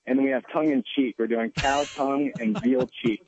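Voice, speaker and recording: A man's voice: mid-range voice, a little fast. Man talking over a tinny phone line. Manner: relaxed and joking. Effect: voice heard over the phone. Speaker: chef. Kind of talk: casual radio phone-in chat.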